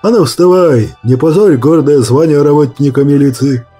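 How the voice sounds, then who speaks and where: A man voicing a bewildered police officer who scolds slowly and roughly. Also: a little high, mellow, soft background music. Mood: scolding.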